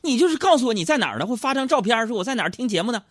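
A man telling comic stories in a lively stand-up monologue, acting out other people's voices. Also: very high-pitched, rapid-fire, no echo, studio quality. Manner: animated storytelling, acts out other voices. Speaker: comedy radio host.

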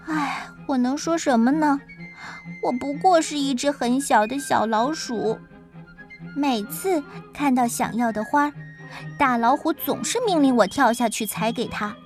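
A woman reading a children's picture book aloud in the first person as a little mouse, in an animated, childlike way. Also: high-pitched, measured pace, soft background music. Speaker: storybook narrator speaking as the little mouse. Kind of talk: expressive children's story read-aloud.

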